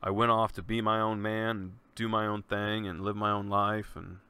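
A man's voice: on the low side, flat delivery, moderate pace, bright, forceful tone, clean tone. A man hosting his own podcast in a casual, earnest monologue, talking loosely and often saying "man". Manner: laid-back, earnest, peppers speech with "man" and swearing. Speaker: podcast host.

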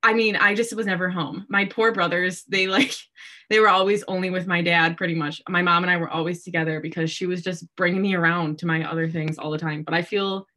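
Her voice is fairly low, pushed and bright, with a steady tone and a fairly quick pace. She's an American woman in her early twenties sharing personal stories as an interview guest in a casual chat, sprinkling in "like" often.

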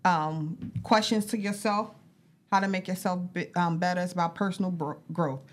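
A woman's voice: fairly low pitch, steady tone, normal speed. A middle-aged woman co-hosting a podcast, chatting casually and animatedly, laughing often. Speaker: podcast co-host. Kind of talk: casual chat.

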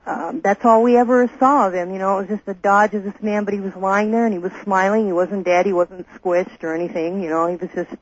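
A woman's voice: mid-range voice, steady tone, brisk, hardly any pauses, breathy edge, no room sound. A woman calling a radio show, casually telling personal stories over the phone. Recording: dull dry phone call on radio.

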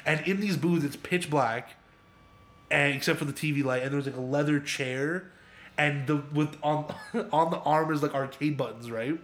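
A man with a somewhat high-pitched voice tells a long story in casual podcast chat. He rambles, swears freely and often breaks into laughter mid-sentence. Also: moderate pace, a bit bright. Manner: rambling, profane, laughs often while talking. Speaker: podcast co-host telling a story.

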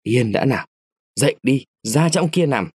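A sulky peasant husband who answers in short, gruff bursts, voiced by a man reading a story. His voice stays close to the reader's own, recorded dry and near. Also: mid-range voice, expressive, moderate pace, darkish tone, no room sound. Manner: gruff and curt.

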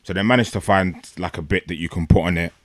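A man's voice: sits low, fast talker, no echo. A man with an urban London accent, chatting casually as a podcast co-host in roadman-style slang. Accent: London, urban slang-heavy.

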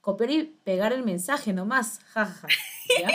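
A woman's voice: medium pitch, lively intonation, unhurried, fairly bright tone. A woman, co-hosting a casual chat and telling a story with lots of laughter and slang. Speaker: podcast co-host.

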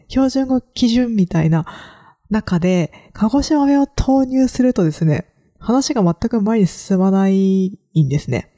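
A woman's voice: medium pitch, mellow. A woman from Kagoshima hosting a solo podcast, talking in a reflective, hesitant way with many fillers. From Kagoshima, Japan. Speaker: podcast host. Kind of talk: solo casual podcast talk.

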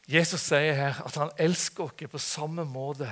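An older man preaching a sermon in an earnest, personal way, dropping to soft near-whispers and rising to loud emotional calls. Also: on the high side, fairly even intonation.

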